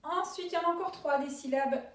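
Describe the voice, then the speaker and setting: A woman leads a dictation lesson for young pupils, drawing out every syllable with unhurried care. Her voice sits a touch high. The sound is roomy and a little distant from the microphone. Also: a bit bright. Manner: slow, careful, stretches out each syllable. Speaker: primary school teacher.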